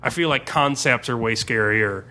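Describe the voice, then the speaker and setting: In a relaxed, profanity-laced chat, this game master explains his tabletop campaign informally as a podcast guest. He speaks at medium pitch and moderate speed, with a sharp tone.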